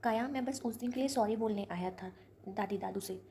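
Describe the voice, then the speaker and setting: A woman's voice: medium pitch, fairly quick, slight background noise, natural voice. A woman voicing a polite young man who apologizes, with no real change of voice. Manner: soft, polite.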